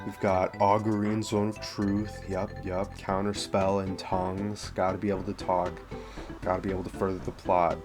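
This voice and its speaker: A man's voice: low-pitched, little pitch movement, moderate pace, music in the background. A man casually reviewing homebrew tabletop rules, thinking aloud and repeating himself as he goes. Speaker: tabletop game content creator.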